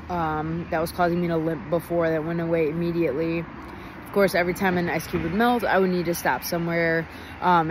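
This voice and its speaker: A young woman talks through her day in a loose, rambling travel-vlog recap with a slightly low voice. She laughs easily. Faint road noise hums behind her phone recording. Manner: chatty, rambling, laughs often. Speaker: travel vlogger. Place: outdoors near a highway.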